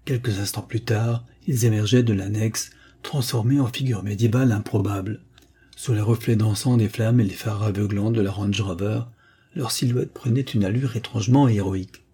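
A man reading a novel aloud as an audiobook narrator, in a measured, expressive way. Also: fairly low pitch, husky. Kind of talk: scripted narration.

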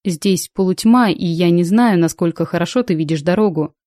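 A woman's voice: lowish voice, normal speed, warm tone, dry recording, studio quality, natural voice. A woman voicing a stubborn, lovestruck male space pirate in an audiobook, speaking in a coaxing, self-assured way.

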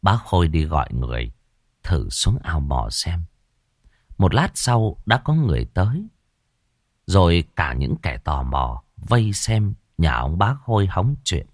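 A man's voice: deep voice, darkish tone, no room sound, studio quality. A man reading a scripted audiobook story in a dramatic storytelling manner, shifting into character voices.

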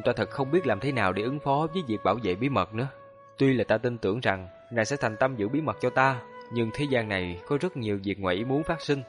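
A man voicing a cautious, calm young male cultivator who murmurs his thoughts quietly, in an audiobook reading. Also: mid-range voice, lightly acted. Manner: quiet, musing murmur to himself.

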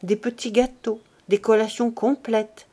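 Woman narrating a classic novel. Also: fairly high pitch. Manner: measured, expressive reading. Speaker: audiobook reader. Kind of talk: literary audiobook narration.

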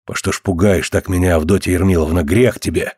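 A man's voice: low-pitched, fairly even intonation, fairly quick, a little mellow, breathy edge, no room sound, clean studio sound, voice pushed down. A man reading the part of a proud old-Russian boyar in an audiobook, speaking in a grave, archaic, indignant way. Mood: shocked. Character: proud, angry middle-aged old-Russian boyar lord.

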